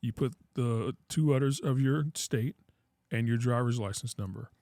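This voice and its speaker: A man's voice: medium pitch, warm tone, dry recording. Playful man co-hosting, dry sound. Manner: quick-witted, playful. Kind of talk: casual podcast chat.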